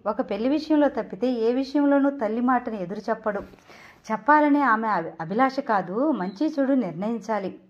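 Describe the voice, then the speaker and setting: A woman reads a novel aloud in a fairly high voice, voicing each speaker's dialogue in her own plain tone. She stumbles now and then and corrects herself as she reads. The recording sounds dull and lo-fi. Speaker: audiobook narrator.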